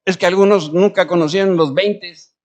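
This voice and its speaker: The muffled recording captures a high, steady-toned pastor at moderate pace. His sermon swings between loud and quiet, and he keeps questioning the congregation.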